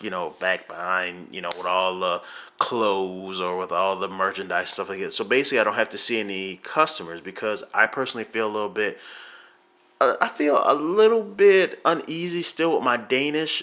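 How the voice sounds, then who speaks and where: A young American man from Miami hosts a casual question-and-answer podcast. His voice is bright and forceful, though his throat sounds sore and rough. He rambles loosely, with plenty of fillers and restarts. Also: lowish voice. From Miami, United States.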